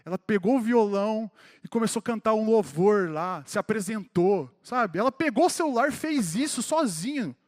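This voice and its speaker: A man with a high-set voice and a Brazilian Portuguese accent preaches a sermon at a church service. He speaks straight to his congregation, calling individual members by name. His delivery builds in fervor and emphasis as he drives his points home. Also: expressive, normal speed, hardly any pauses. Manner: grows more fervent and emphatic toward the close.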